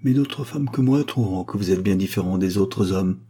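A tender young woman speaks in a soft, hushed voice, as a male narrator reads her lines. Her tone is dark and mellow, with a slightly husky edge. She sounds gentle and hesitant, the way a storybook heroine sounds when she holds something back. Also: low-pitched, normal speed. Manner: soft, quiet delivery.

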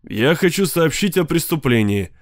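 A man's voice: a little high, very animated, moderate pace, no room sound, studio quality, voice pushed up. A man voicing an irritable, self-important husband who makes indignant demands in an audiobook. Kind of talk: audiobook character voice.

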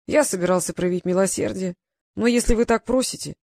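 The audiobook narrator voicing a cold, imperious male transparent god who speaks in measured pronouncements. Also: medium pitch, vocal fry, a little mellow, no echo, studio quality, close to an everyday voice.

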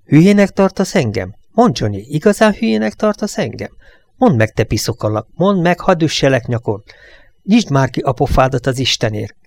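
A man voicing a panicky, worn-out truck driver who pleads in a shrill, frantic voice. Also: big pitch swings, gravelly, darkish tone, dry recording.

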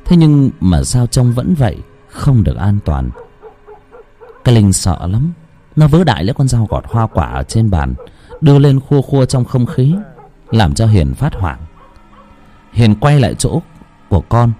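A man's voice: lowish voice, sing-song, normal speed, mellow, faint music behind. A man who chats casually with listeners and then reads a horror story aloud in a grave, dramatic voice. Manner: chatty and joking in the intro, grave when reading.

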